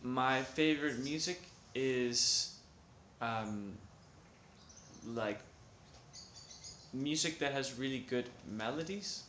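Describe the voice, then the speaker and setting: A man, a singer, answering questions in slow, simple, hesitant speech with many pauses and ums. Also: mid-range voice, a bit bright. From Canada. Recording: echoey room with faint noise.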